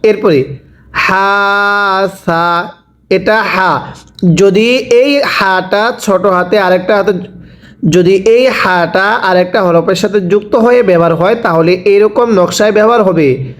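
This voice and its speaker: A man teaching Quran reading, drawing out each letter sound slowly for the listener to repeat, then explaining quickly. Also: high-pitched. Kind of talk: slow drawn-out letter drills. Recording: dull lo-fi sound.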